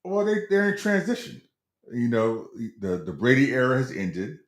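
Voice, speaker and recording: Middle-aged man with lively pitch, roomy echo. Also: normal speed. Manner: hedging, stumbles and repeats words, tells anecdotes. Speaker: sports talk show co-host. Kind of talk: casual sports chat.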